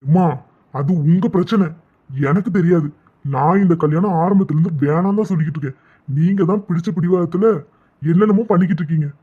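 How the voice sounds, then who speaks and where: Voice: medium pitch, fast, slightly rough, close to an everyday voice. An actor voicing a stubborn young adult son in a cartoon, firm and exasperated with his mother. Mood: stubborn refusing. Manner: firm, exasperated, then panicked. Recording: tinny phone-like audio.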